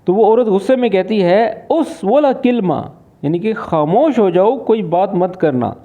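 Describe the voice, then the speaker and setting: A man's voice: high voice, animated. A man from Pakistan teaching, patiently explaining and translating spoken phrases. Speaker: Arabic teacher. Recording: phone-like lo-fi voice.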